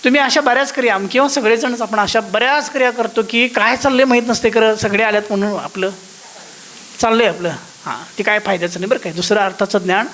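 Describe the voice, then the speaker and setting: A man's voice: sits high, fast talker, a bit bright, a little hiss or hum, rough recording. A man with a thin voice teaching a devotional course, often asking his listeners whether they follow and singing out the musical notes as he explains them.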